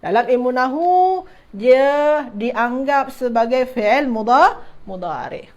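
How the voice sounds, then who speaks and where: A woman teaching an online Arabic grammar class. She repeats terms, restarts words and keeps checking whether her listeners understand, addressing them formally as ladies and gentlemen. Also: sits high, animated, slow, muffled recording. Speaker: religious teacher.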